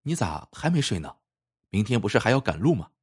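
A man's voice: on the low side, sing-song, fairly quick, darkish tone, slightly rough. A man reading the part of a poor, principled male scholar who refuses his friend firmly. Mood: puzzled.

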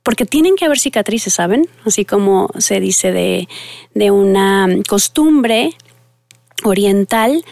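Gravelly woman therapist. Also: medium pitch, animated, slow, a little mellow, no echo, faint music behind. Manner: earnest storytelling, addresses listeners directly. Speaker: family therapist. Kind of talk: talk to an audience.

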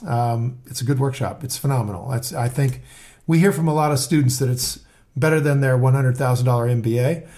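A man's voice: mid-range voice, brisk, darkish tone. An older man co-hosting a podcast, teaching investing in an earnest, rambling way with frequent restarts. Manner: earnest, rambling, self-correcting. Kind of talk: casual podcast chat.

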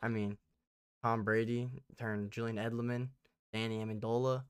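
A man from Tennessee co-hosting a sports podcast in a relaxed, chatty way. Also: medium pitch, moderate pace, smooth, no room sound, studio quality. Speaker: podcast co-host. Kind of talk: casual sports chat.

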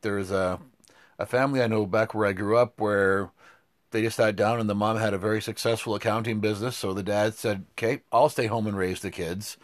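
A middle-aged man, co-hosting a casual political talk show and telling his stories with animated indignation. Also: fairly low pitch.

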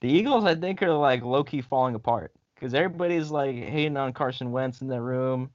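A man co-hosting a sports podcast, chatting casually in halting, heavily profane bro slang. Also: mid-range voice, no room sound, muffled recording. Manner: slangy bro-talk, heavy swearing, halting.

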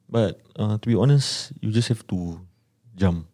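A man's voice: fairly low pitch, unhurried, mellow. A Singaporean man chatting casually as an interview guest in colloquial Singlish, slipping between English and Malay. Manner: colloquial, with Singlish particles like lah and eh. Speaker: podcast guest, small business owner. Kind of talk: casual conversational advice, mixing English and Malay.

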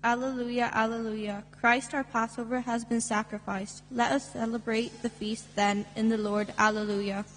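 A woman reading scripture at Mass in a steady, formal way, her voice carried by cathedral echo. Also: a little high, normal speed, hardly any pauses. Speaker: lector. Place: large church. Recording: long church reverb with faint hum.

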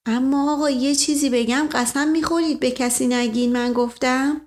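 A woman's voice: sits high, fairly even intonation, close to an everyday voice. A woman voicing a naive, hesitant young housemaid who chatters in a gossipy way. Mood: hushed. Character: young simple-minded housemaid girl, hesitant.

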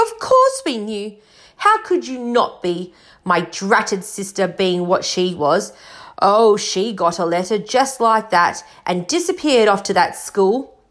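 A woman's voice: medium pitch, fairly bright tone. A woman voicing a bitter, spiteful middle-aged aunt who rants with scorn and resentment in a storybook reading. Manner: ranting, scornful.

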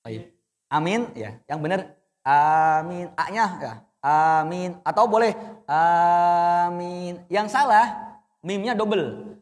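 A man's voice: high-pitched, lively intonation, slow, in a large hall. A young man teaching adults to read the Quran, patiently correcting their recitation. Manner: patient, corrective, demonstrates then explains.

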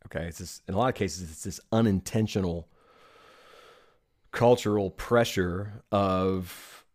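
On a podcast, a male guest with a fairly low, darkish voice gives emphatic advice at a moderate pace in casual conversation. He keeps checking in with "okay?" and "right?"

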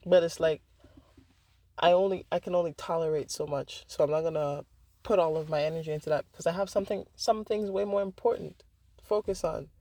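A woman's voice: on the low side, steady tone, fairly quick, dark tone, no echo. A woman vlogger candidly telling a personal story, frank and profane, with lots of fillers and restarts.

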